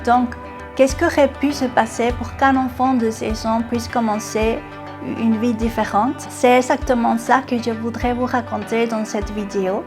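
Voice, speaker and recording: A Venezuelan woman with a Venezuelan Spanish accent gives a personal testimony to camera. Her voice is a little high with fairly even intonation, and she speaks earnestly and unhurriedly, often hesitating and restarting. Faint music sits behind her voice.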